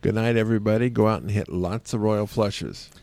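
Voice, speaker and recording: A man's voice: lowish voice, a little fast, vocal fry, a little mellow. A man hosting a radio talk show in a studio, rambling a little with fillers. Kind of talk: casual radio chat.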